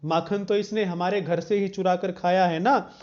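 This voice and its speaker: A man explaining devotional poetry line by line, restating each word's meaning and pausing with frequent fillers. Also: sits high, fairly even intonation, darkish tone, highs cut off. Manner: repeats glosses and restates each phrase, frequent "uh" pauses. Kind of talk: slow line-by-line explanation of verses.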